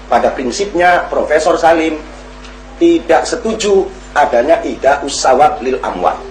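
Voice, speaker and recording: A man's voice: mid-range voice, a little mellow, a little hiss or hum. Man moderating a debate in an echoey hall. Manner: measured, announces speakers and time. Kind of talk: formal moderating.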